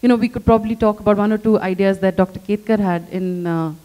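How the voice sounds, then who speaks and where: A woman's voice: mid-range voice, fairly even intonation, fast talker, dull audio. A woman moderating a stage panel into a handheld mic, posing questions in a conversational way with hesitant fillers.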